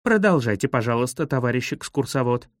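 A man's voice: mid-range voice, lively intonation, a little fast, no room sound, clean studio sound, voice pushed down, natural voice. A man voicing a woman schoolteacher in a storybook reading, stern but dreamy. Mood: polite.

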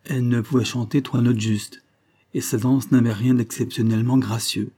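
Husky, dark-voiced male storyteller. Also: medium pitch, little pitch movement. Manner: measured, literary. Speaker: narrator. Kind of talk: audiobook reading of a short story.

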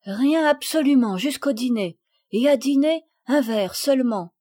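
A woman's voice: high voice, animated, a little slow, dark tone, no echo, clean studio sound, pitched above the performer's own voice. A woman voicing a lonely, mistreated little girl who speaks with sighs in a storybook reading. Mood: sorrowful. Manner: sighing, plaintive.

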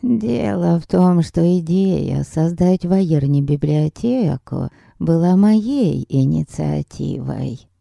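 A woman voicing a frail old grandmother who speaks slowly in a creaky, mumbling voice. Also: low-pitched, animated, dark tone, dry recording, clean studio sound, heavily acted. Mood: slow, gruff.

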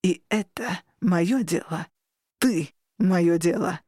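A woman's voice: takes it slowly, warm tone, husky, dry recording, clean studio sound. A woman voicing a hissing male incubus. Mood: menacing. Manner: hissing, low and menacing.

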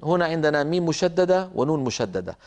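A man with a slightly raised pitch teaches Quran recitation rules. He explains grammar and pronunciation, then demonstrates sounds slowly and carefully, pausing between segments. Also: big pitch swings. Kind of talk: tajweed lesson with live correction.

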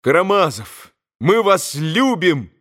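A man voicing an excited teenage boy in an audiobook, exclaiming loudly and eagerly. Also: high-pitched, slow, voice pushed up, full character voice. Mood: ecstatic. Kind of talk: audiobook character reading.

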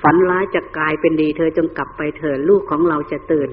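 A man voicing a gentle royal male hermit who calmly reassures his wife. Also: a little high, fast talker, long reverb tail, close to an everyday voice. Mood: soothing. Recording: tinny phone-like recording.

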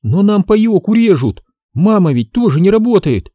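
A stubborn, whiny teenage girl begging for a place on the team, as a man voices her. Her voice sits high and jumps around as she pleads. It is an audiobook read in a dry, close booth. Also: very animated, normal speed, dark tone, no echo, muffled recording. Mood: pleading.

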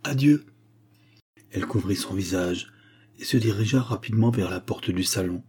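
A man narrating a novel as an audiobook, in measured storytelling. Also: deep voice, steady tone, a little mellow, a little hiss or hum. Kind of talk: scripted narration.

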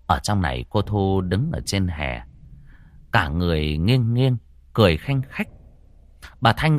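A male storyteller with a lowish voice that swoops widely through every line, dropping to hushed tones for tension. The sound is dry and close, with no room around it. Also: dry recording. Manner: expressive, swinging between hushed and raised. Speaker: narrator. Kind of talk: dramatic audio-story narration.

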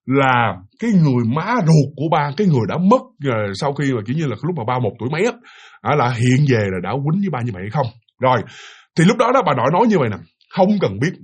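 A slightly rough, mid-range male voice with a Southern Vietnamese accent recounts a ghost story casually. He's animated, speaks to his listeners directly, and uses many fillers.

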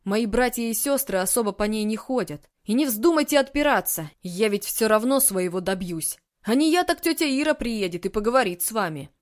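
A confident young amateur detective who corners his suspect with sly, insistent questions, voiced by a woman reading the audiobook. The tone sits a little higher than a plain reading voice and never lets up. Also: animated, brisk, hardly any pauses, close to an everyday voice. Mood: pressing. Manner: pressing, sly, mock-folksy. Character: confident young man, a shrewd amateur sleuth.

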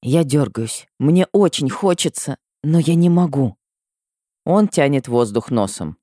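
A woman's voice: expressive, unhurried, warm tone, no echo, clean studio sound. Woman narrating a first-person audiobook. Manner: emotional reading with sudden high cries.

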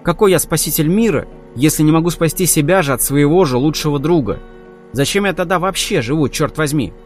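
A man's voice: a little high, a little fast, soft background music, voice pushed up, natural voice. Man reading a brooding disillusioned hero. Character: weary disillusioned man, would-be savior of the world.

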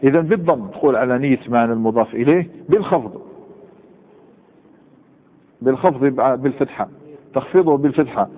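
A man's voice: medium pitch, fast talker, pauses often. A male grammar teacher with an Algerian accent lectures a class, drilling the same examples again and again and firing questions at his students. The recording is thin and phone-like, and his voice rings out in a long hall echo. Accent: Algerian Arabic. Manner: repeats examples and quizzes students. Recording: tinny lo-fi with long hall reverb.

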